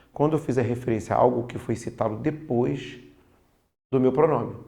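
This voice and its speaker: Male Brazilian grammar teacher, casual and chatty, gravelly mid-range voice. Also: medium pitch, warm tone. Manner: casual, peppered with "ó", slows down for key points. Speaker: Portuguese teacher. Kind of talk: online exam-prep grammar lesson.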